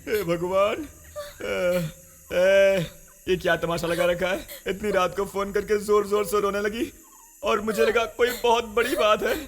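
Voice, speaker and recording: An actor voicing an impatient young man who teases and grumbles in a lively way. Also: high-pitched, unhurried. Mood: exasperated, teasing. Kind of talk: Hindi film dub acting. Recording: film dub with music. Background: film music.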